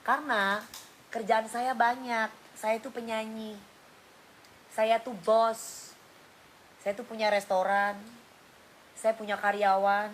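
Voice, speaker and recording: Middle-aged woman, singer on a phone live, blunt scolding tone, slightly high voice, light hiss. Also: flat delivery, slow, long pauses, rough recording. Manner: blunt, scolding, switches to coarse slang. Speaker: singer doing an Instagram live. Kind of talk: casual livestream monologue.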